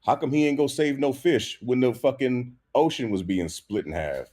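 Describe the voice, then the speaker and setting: A man co-hosting a podcast in casual chat, ranting in an animated, profane way with lots of restarts. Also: mid-range voice, normal speed. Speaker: podcast co-host.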